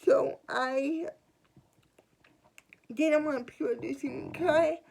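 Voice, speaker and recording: A twenty-year-old vlogger shares a personal story with her viewers in a confessional storytime vlog, her high voice slightly mellow and edged with gravelly fry. She speaks slowly and haltingly, restarting words and trailing into pauses as she works out what she means. The audio quality is poor.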